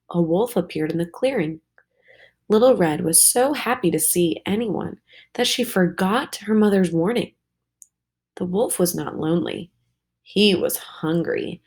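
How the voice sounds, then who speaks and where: A woman teacher reading a storybook aloud to her students, slow and expressive. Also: fairly low pitch.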